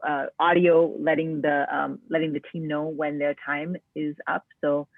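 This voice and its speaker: A man's voice: on the high side, little pitch movement, normal speed, creaky, no room sound. A man hosts an online event, organizing speakers in a loose, filler-heavy way. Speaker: event host. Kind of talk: hosting a video call event. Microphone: video call microphone. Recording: tinny, dry phone-like call audio.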